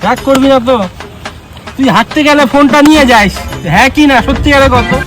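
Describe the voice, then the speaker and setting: A man with a very high voice and a plays a sly fake holy man. He keeps coaxing and asking the same questions over and over. Music plays behind him. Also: brisk. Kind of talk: comic sketch dialogue.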